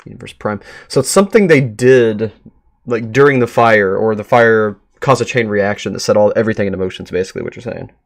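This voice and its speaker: A man with a fairly low, gravelly voice talks at a quick pace while streaming his reaction to a horror web series. He muses informally and chuckles as he reads and comments.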